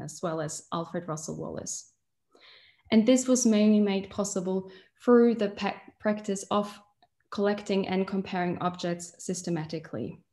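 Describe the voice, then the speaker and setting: A young woman from Switzerland gives an online lecture in an even, mid-pitched voice. She is a doctoral researcher speaking from a museum collection room, and she holds up specimens as she explains. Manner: explains while holding up specimens. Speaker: PhD researcher.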